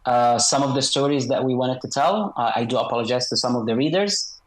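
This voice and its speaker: Man, disguised altered voice, mid pitch, measured and hesitant, many fillers, interview guest. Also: low-quality recording. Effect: voice electronically altered to disguise identity. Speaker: guest author, former special operations soldier. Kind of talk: interview over a video call.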